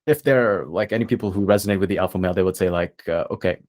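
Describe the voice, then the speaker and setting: A young man from the Philippines, a podcast guest, talking casually and thoughtfully with many pauses and fillers. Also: deep voice, a little mellow.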